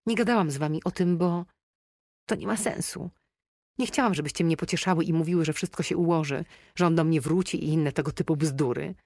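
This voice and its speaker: A woman's voice: low voice, fairly quick, darkish tone, no room sound. A weary young woman nursing a broken heart, as a woman narrator puts her on. Her voice sounds tired and strained, with a sniffle. The storybook reading is dry and close. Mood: heartbroken. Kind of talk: audiobook character voice.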